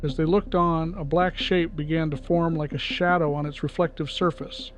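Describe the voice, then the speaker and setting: A man's voice: a little high, steady tone, moderate pace. A man narrating a comic audiobook in a wry storytelling way. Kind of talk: scripted narration. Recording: narration over music.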